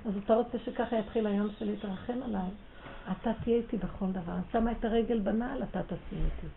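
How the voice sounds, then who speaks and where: A woman's voice: fairly high pitch, fairly even intonation, gravelly, slight background noise. Fervent woman teaching, tinny phone-like sound. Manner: fervent and emphatic, swinging from hushed to loud. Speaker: religious teacher. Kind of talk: religious lesson to women.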